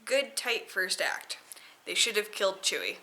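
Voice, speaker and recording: A woman with a bright, forceful voice rants casually as if a few drinks in. She takes her time, stalling and repeating herself, swearing with exasperated sarcasm. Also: mid-range voice, expressive, measured pace, low-quality recording. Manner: tipsy, loose drunken rambling. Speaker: solo vlogger reviewing a film. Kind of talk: casual spoken rant.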